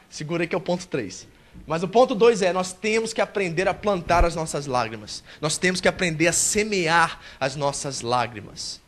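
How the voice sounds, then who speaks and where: A male pastor preaching a sermon at a church service, animated and acting out a believer's complaints. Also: on the high side.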